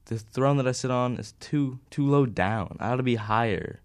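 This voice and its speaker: A woman's voice: rumbling low, moderate pace, dry recording, clean studio sound, voice pushed down. A woman voicing a boastful, self-important male turtle king in a storybook reading. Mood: pompous.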